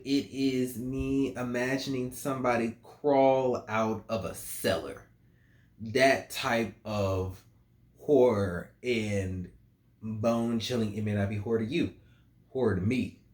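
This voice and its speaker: A man's voice: mid-range voice, darkish tone. A man breaking down a song as a music reviewer, talking it through in a casual, musing way. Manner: slow, musing, reads lyrics aloud. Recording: roomy, echoey room.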